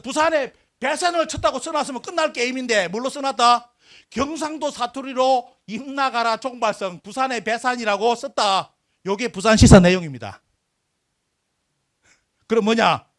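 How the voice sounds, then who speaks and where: A man's voice: extremely high pitch, a bit bright. A man giving a live history lecture to an audience, asking rhetorical questions and answering them himself, stressing and drawing out key words.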